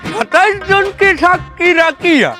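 A man's voice: very high voice, measured pace. A man playing a pompous elder brother who scolds the others in mock-formal phrases, over background music. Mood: scolding.

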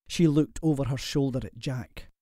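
A man narrating a historical romance audiobook in a measured, steady way. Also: mid-range voice, dry recording. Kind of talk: scripted narration.

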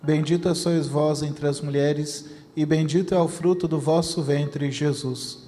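A man with a Brazilian Portuguese accent reciting the rosary in a steady chant. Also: a little high, unhurried. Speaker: rosary prayer leader. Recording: long reverb with faint noise.

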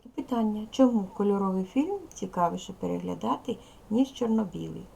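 Woman, primary school teacher, heavy vocal fry, slow instructive delivery, repeats words for kids. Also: mid-range voice, lively intonation, mellow, slight background noise. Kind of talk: teaching a second-grade language lesson.

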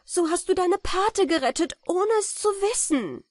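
A noble countess, tender and overjoyed, her voice lifting high and bright with feeling, as a woman reading a fairy tale plays her. The sound is dry and close, like a storybook read in a small studio. Her words come with earnest, old-fashioned warmth. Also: animated, unhurried, no room sound. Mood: moved, joyful.

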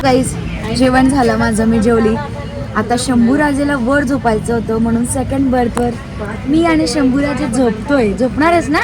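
Woman vlogger, high voice, chatty travel diary over a busy crowd. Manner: chatty, addresses viewers directly. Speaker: family vlogger. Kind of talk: casual travel vlog. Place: train and railway station. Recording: crowd and traffic noise behind. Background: bustling crowd and vehicle noise.

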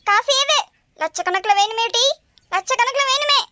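Shrill nagging old mother-in-law. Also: expressive, moderate pace, pushed and bright, no echo, clean studio sound, heavily acted. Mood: scolding. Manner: scolding, nagging. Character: bossy scolding older mother-in-law. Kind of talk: cartoon voice acting.

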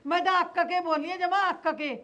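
A woman's voice: very high-pitched, steady tone, brisk, bright, forceful tone. An actress playing a scolding, sarcastic mother-in-law with a Punjabi accent in a family drama skit. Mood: scornful. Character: sharp-tongued middle-aged mother-in-law. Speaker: mother-in-law demanding dowry.

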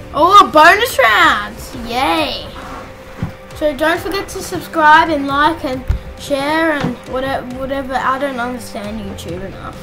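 A woman giving casual, excitable gameplay commentary as a YouTuber at home, chatting and squealing when things get thrilling. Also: sits high. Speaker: gaming YouTuber. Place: home room with the door shut. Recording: clear game music underneath. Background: game music.

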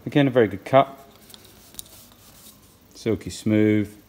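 Speaking at a measured pace in a dark, lowish voice, a man in his thirties works through saw blade tests in his workshop. He's plain and practical, thinking aloud as he reviews the tools.

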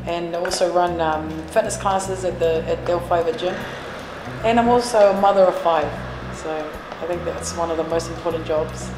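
Inside her café, a fortysomething New Zealander who also teaches fitness classes earnestly answers an interviewer, restarting often and using many fillers. She speaks at a normal speed in a fairly low, steady voice over a noisy background, with long echoing reverb and music.

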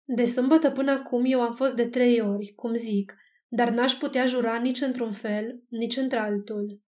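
A woman's voice: on the high side, steady tone, a little mellow, close to an everyday voice. A woman voicing a sly, honey-voiced church servant. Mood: mild. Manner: mild, honeyed.

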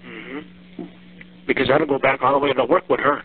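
Husky man on a prison phone. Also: medium pitch, steady tone, moderate pace. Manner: terse, short questions. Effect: on a prison phone line. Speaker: jail inmate calling home. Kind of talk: casual phone chat. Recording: tinny monitored jail phone line.

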